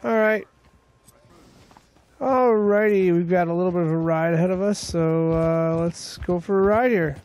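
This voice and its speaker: High-voiced man casually narrating gameplay. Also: steady tone, brisk, few pauses, a little mellow. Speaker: gaming video host.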